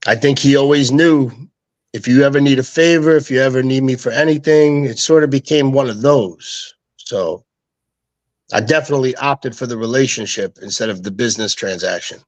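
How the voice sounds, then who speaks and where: A man's voice: medium pitch, normal speed. A young man, a guest telling loose, slangy stories and quoting people as he goes. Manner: loose, slangy, quotes others in voices. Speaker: guest, NFT co-founder. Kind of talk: casual storytelling.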